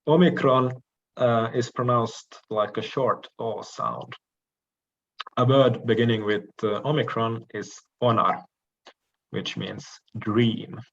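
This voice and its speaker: Slow, measured male lecturer. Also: medium pitch, fairly even intonation, lo-fi sound, slight background noise. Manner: measured, frequent "uh" pauses, occasional throat clearing. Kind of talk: recorded lecture on the alphabet.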